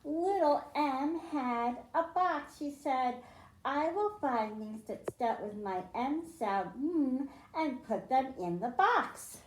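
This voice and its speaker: A woman librarian, high-pitched and animated, speaks slowly as she reads a picture book to children, sing-songing and stressing the m sounds. Afterward she explains a science activity, all in an echoey library room.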